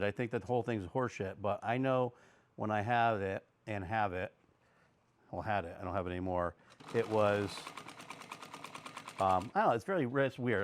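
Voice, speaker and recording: A man, a little hoarse from illness, rambling casually about his custom motorcycle seat work. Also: medium pitch, a little hiss or hum. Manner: rambling, conversational, lots of fillers. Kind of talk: casual workshop vlog talk.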